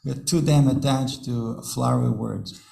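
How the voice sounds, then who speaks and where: A man speaks slowly with a deeply gravelly, creaky voice, giving a devotional class in a roomy temple hall. He tells stories to the room, chuckles often and doubles back on his words. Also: fairly even intonation, a little mellow. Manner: chuckles often, repeats words, talks to the audience. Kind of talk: devotional class talk with storytelling.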